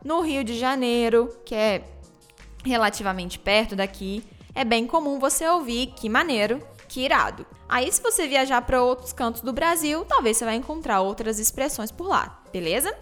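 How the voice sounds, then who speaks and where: Brazilian woman from Minas Gerais, podcast teacher, high upbeat voice, soft music underneath. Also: animated. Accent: Brazilian Portuguese, Minas Gerais. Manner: upbeat, repeats example phrases slowly and clearly. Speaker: Portuguese teacher and podcast host. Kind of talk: podcast language lesson.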